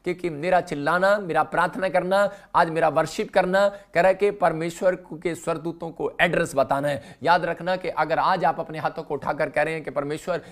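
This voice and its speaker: A male pastor preaching a live morning prayer sermon, repeating his refrains and swinging between loud calls and low murmurs. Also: steady tone, normal speed, hardly any pauses.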